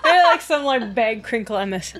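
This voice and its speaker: A woman's voice: fairly high pitch, moderate pace. A woman guest in a casual, colloquial chat, peppering her sentences with filler words. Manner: colloquial, frequent 'like'. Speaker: podcast guest. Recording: clear steady background noise.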